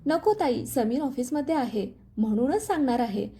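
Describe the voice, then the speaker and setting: A woman voicing a gentle young bride who pleads tearfully that she is innocent. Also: high-pitched, big pitch swings, moderate pace. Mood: pleading.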